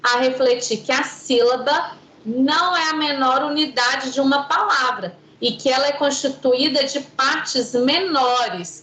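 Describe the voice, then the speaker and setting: A woman's voice: high-pitched, bright, forceful tone, roomy sound, poor audio. A woman teaching an online class, patient and didactic, quizzing her students.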